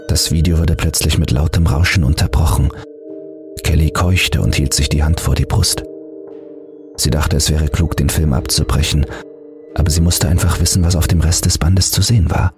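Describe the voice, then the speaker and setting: A man calmly narrating a translated horror story as an audiobook. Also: rumbling low.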